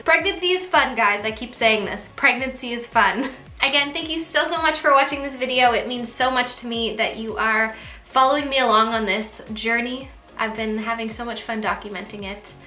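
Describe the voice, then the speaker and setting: A woman's voice: fairly high pitch, sharp tone. Bubbly woman vlogger in a roomy space. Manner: chatty and bubbly, laughs often. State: stuffy nose. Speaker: pregnancy vlogger. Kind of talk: casual chat to camera.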